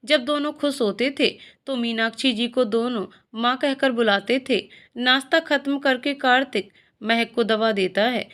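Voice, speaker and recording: A woman narrating a scripted family story in a steady, even storytelling manner. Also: on the high side, moderate pace, few pauses.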